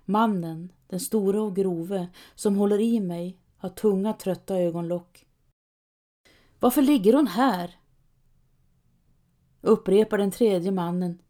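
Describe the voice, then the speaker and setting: A woman narrating a first-person audiobook story in a hushed, tense way. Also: medium pitch, steady tone.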